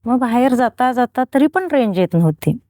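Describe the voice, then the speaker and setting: A woman's voice: fairly high pitch, lively intonation, normal speed, mellow, dry recording, clean studio sound. A middle-aged woman giving a spiritual testimony, acting out past conversations in quoted speech. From Khanapur, Belgaum, India. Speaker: interviewee, devotee.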